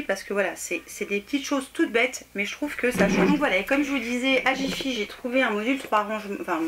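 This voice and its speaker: A woman's voice: mid-range voice, background noise. A woman chatting casually to camera about her decor haul, full of hesitations and self-corrections. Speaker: home decor haul vlogger.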